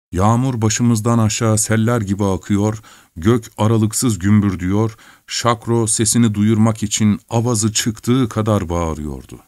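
A man reading a novel aloud as an audiobook narrator, in a measured, even storytelling manner on a close studio mic. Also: mid-range voice, no echo. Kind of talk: scripted narration.

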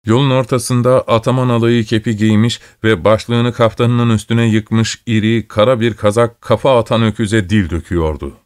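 A man reading a novel aloud in steady, measured audiobook narration. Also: fairly low pitch, smooth, no room sound, studio quality.

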